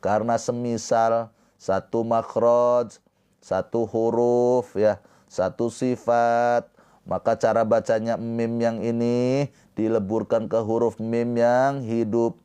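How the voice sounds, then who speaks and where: A man teaching Quran recitation rules in a slow, patient lesson, chanting verse phrases and then explaining them. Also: mid-range voice, flat delivery, dark tone, smooth. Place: live-streamed lesson.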